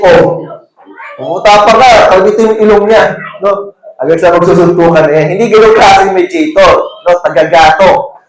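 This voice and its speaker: A man with a Filipino accent preaching a sermon, mixing Tagalog and English and often asking "no?". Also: high voice. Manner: mixes Tagalog and English, frequent "no?" tag questions. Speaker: teacher. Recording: echoey room.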